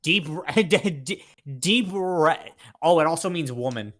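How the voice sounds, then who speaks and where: A man's voice: fairly high pitch, lively intonation, measured pace, a bit bright. A man chatting casually and jokingly with friends during a tabletop role-playing game, bantering and swearing freely. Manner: profane, bantering. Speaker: tabletop role-play player.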